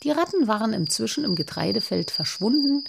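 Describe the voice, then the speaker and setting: A woman narrating a storybook in soft tones, dropping to near a whisper on speech tags. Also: a little high, big pitch swings, a little fast, creaky, very noisy. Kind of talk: audiobook narration.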